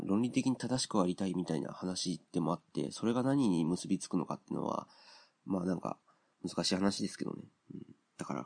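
A man talks alone into his podcast mic, airing blunt opinions in an unhurried, filler-laden way. His voice sits low and carries a gravelly fry. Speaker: podcast host. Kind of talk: casual solo podcast monologue.

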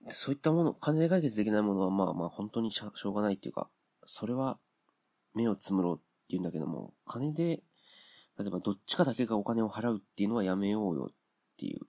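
A man talks alone into his podcast mic, airing blunt opinions in an unhurried, filler-laden way. His voice sits low and carries a gravelly fry. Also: expressive, mellow. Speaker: podcast host. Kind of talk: casual solo podcast monologue.

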